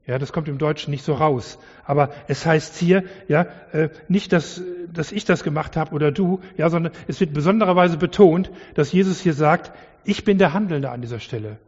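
A man's voice: a little high, a little mellow. A man preaching a sermon to his congregation in an earnest, conversational way, often adding "ja". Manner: earnest, conversational with many "ja" fillers. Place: church hall. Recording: distant lo-fi hall recording.

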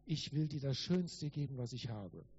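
An ashamed, tearful eight-year-old boy from a story read in a sermon, voiced plainly by a man. The tone is dark and mellow. The recording is a little dull and has faint hiss. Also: medium pitch, animated, normal speed, lightly acted. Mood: pleading.

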